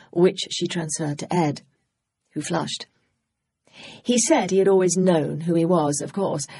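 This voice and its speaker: A woman narrating an audiobook in a measured storytelling manner. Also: low-pitched, dark tone, husky.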